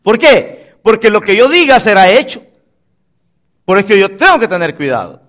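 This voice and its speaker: A man preaching at a church pulpit in a very high voice that leaps up and down with lively swings. He drives his sermon with emphatic call-and-response, having the congregation repeat after him. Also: normal speed. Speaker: pastor.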